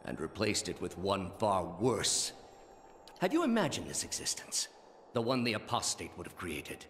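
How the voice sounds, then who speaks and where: An actor playing a weary, ancient immortal villain in a video game, a grave and unyielding orator serving the gods. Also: male voice, low-pitched, big pitch swings, normal speed, fairly bright tone, a little hiss or hum. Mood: fervent. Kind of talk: dramatic game voice acting.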